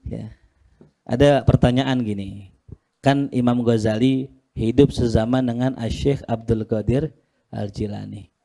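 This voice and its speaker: A male Islamic teacher lectures his students in a relaxed, joking manner. His voice is mellow and of middling pitch. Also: unhurried, creaky, long pauses. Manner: casual, jokey, teasing his students. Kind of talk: religious study lesson.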